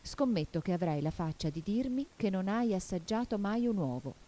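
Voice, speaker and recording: A woman voicing a distraught male pigeon in a storybook reading, shrill, wailing and accusing. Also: animated, normal speed, dark tone, lightly acted. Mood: scornful. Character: frantic male pigeon guarding eggs, shrill and suspicious.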